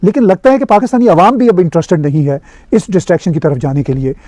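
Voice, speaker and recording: Male host, mellow voice, formal questioning. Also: high-pitched, fast talker, no echo. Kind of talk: moderating a TV panel.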